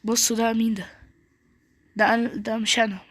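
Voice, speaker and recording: High-voiced Egyptian woman trash-talking through gameplay. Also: fast talker, a little hiss or hum. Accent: Egyptian Arabic. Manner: excitable trash-talking in short bursts. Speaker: gaming streamer. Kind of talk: live gameplay commentary.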